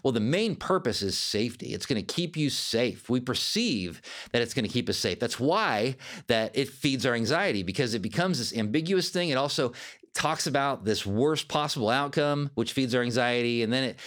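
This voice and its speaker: A man's voice: medium pitch, moderate pace. A man hosting a solo self-help podcast, talking emphatically and sometimes acting out the voices he describes. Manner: animated, emphatic, acts out quoted inner voices. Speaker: podcast host.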